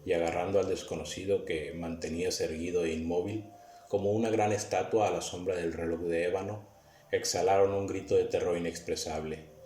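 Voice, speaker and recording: Male narrator, very low voice, solemn measured delivery, roomy recording. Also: warm tone. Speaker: audiobook narrator. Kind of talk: scripted narration of a gothic tale. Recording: roomy recording with faint hiss.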